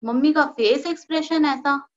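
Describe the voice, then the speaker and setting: A young adult woman, telling a personal devotional story in a casual, animated way and acting out the dialogue of others. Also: sits high, moderate pace. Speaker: devotee sharing a personal experience. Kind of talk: casual spoken testimony. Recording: dull lo-fi recording.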